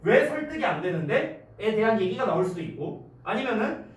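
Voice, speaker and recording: High-voiced english tutor guy, keeps asking if you got it, super echoey room, mic way off. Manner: keeps checking understanding with quick questions; lively, gives acted-out examples. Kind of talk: casual lecture. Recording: echoey room from far off, faint noise.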